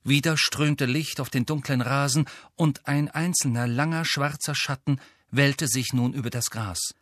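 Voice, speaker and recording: A man reading a novel aloud with steady, even storytelling. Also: mid-range voice, unhurried, no room sound, clean studio sound. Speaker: audiobook narrator. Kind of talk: scripted narration.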